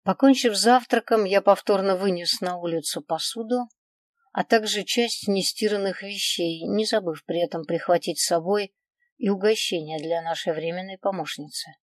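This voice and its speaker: A woman narrating a first-person audiobook in an even, measured reading. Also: mid-range voice, dry recording. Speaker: audiobook reader.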